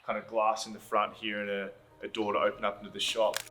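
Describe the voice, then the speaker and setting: A man with a fairly low voice talks off the cuff as he shows people around his business. His explanations are loose and a little hesitant. The sound rings with the echo of a big warehouse, and music plays faintly behind. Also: monotone, fast, sharp tone. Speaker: clothing brand owner giving a warehouse tour. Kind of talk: casual unscripted walk-through tour. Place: indoors in a large warehouse.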